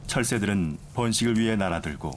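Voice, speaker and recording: A man narrating a nature documentary from a script in a measured, formal way. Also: on the low side, background noise.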